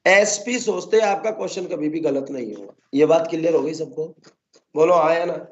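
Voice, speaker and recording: A man's voice: on the high side, moderate pace, dull audio, a little hiss or hum. A male botany teacher lecturing a class, constantly coaxing the students to answer his questions.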